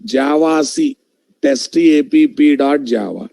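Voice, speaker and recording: A male programming instructor with a Telugu Indian accent leads a live online lesson. His voice is mellow and gravelly, caught dry and close. He repeats himself for emphasis and keeps putting questions to the class. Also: on the high side, expressive, takes it slowly, no echo. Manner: repeats phrases, checks in with questions, addresses students directly.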